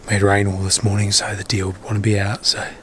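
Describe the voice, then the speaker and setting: Male outdoor vlogger, broad New Zealand accent, lowish voice, laid-back casual talk, slight background noise in the bush. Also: completely flat delivery, fast talker, fairly bright tone. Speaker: solo hunting vlogger. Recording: noisy outdoor ambience.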